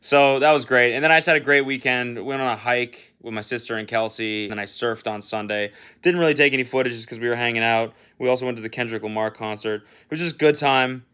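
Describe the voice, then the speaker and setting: A man's voice: medium pitch, fast, pushed and bright, clean tone. A young man casually vlogging about his training, self-mocking, laughing often and swearing freely. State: out of breath after a run.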